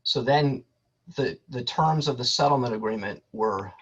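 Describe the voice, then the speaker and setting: Over a muffled, lo-fi landline, a man acting as an applicant's lawyer reads a formal statement to a board. He sounds measured and orderly, says um often, and has a mid-range voice with a breathy edge.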